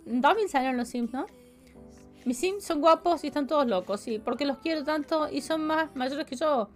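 High-voiced Córdoba Argentine woman. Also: moderate pace, soft background music. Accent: Córdoba Argentine Spanish. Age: 40s. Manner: chatty and playful, answers chat, hums sing-song fillers. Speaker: streamer. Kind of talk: casual live-stream chat while playing.

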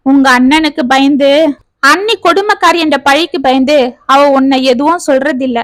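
Brief: stern old aunt, lecturing and reproachful, high voice, read by a woman storyteller. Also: moderate pace, fairly bright tone, dry recording. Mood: scolding. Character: stern elderly aunt scolding her niece.

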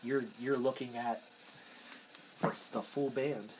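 A slow, steady, slightly mellow mid-range voice belongs to a radio hobbyist explaining things informally during a hands-on demo, at times trailing off. He's in a cluttered indoor workshop. A handheld camera off screen records him amid room noise.

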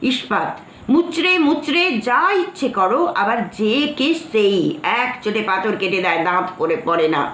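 A woman's voice: medium pitch, lively intonation, normal speed, a bit bright. A woman, a teacher explaining a literature text to students. She reads a line, then explains it, often saying phrases twice. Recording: echoey room with faint noise.

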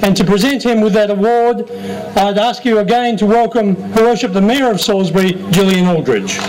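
A man hosts a ceremony from a lectern. His voice is fairly high. The outdoor PA recording has clear background noise. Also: animated, brisk. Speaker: master of ceremonies. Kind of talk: event introduction. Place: outdoor marquee stage. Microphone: lectern microphone through PA. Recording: noisy outdoor PA pickup.

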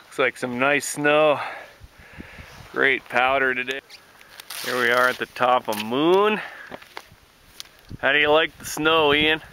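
A man narrates a ski outing in an unhurried, upbeat way, cheering on his friends on a snowy mountainside. His voice is bright and a little sharp. He talks slowly into the camera he holds outdoors. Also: mid-range voice, slight background noise, rough recording. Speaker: ski guide filming a tour. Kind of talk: casual narration while filming. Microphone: camera he holds while filming.

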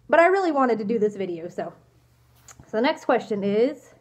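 Here a young woman, a vlogger in fursuit costume, works through viewer questions in a small indoor room with a phone camera held at arm's length. Congested from a cold, she hesitates, apologizes and says um a lot, her voice on the high side and a little mellow.

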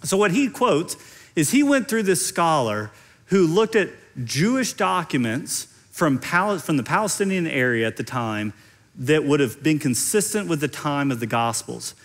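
A man's voice: on the high side, sing-song, normal speed. A middle-aged man with a Central Kentucky accent preaching in a conversational, explanatory way, repeating phrases for emphasis. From central Kentucky, United States. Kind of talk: teaching sermon on stage. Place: large indoor stage.

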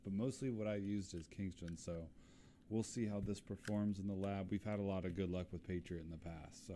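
A man acting as lead technical expert, explaining computer parts in a relaxed way with frequent fillers. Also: low-pitched, a little fast, slight background noise.

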